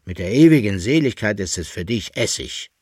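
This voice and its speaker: Quarrelsome old gardener, read by a man; husky, close and dry. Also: on the low side, very animated, moderate pace, a little mellow, no room sound. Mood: grumbling. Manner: grumbling, scolding.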